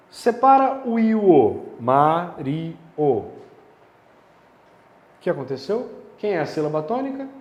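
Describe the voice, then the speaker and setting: Animated teacher man in an echoey room. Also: fairly high pitch. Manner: animated, checks in with rhetorical questions. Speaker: grammar teacher. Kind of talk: video grammar lesson. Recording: roomy with a long reverb tail.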